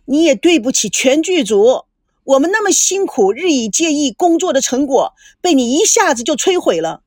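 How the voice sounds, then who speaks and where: A woman's voice: mid-range voice, big pitch swings, unhurried, no room sound, studio quality. A woman voicing a young female crew member who speaks coldly and grumbles. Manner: cold, sharp complaining.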